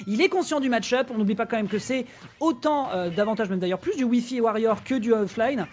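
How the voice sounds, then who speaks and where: Fast-talking esports caster. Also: mid-range voice, a little mellow, slight background noise. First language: Italian. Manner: rapid, analytical, quick self-corrections. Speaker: co-commentator. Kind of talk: esports play-by-play commentary.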